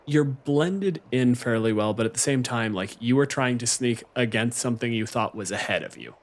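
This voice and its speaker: A man works as game master for an improvised tabletop roleplaying game, narrating casually and with plenty of swearing. His voice is mid-range at a normal speed, and music plays in the background.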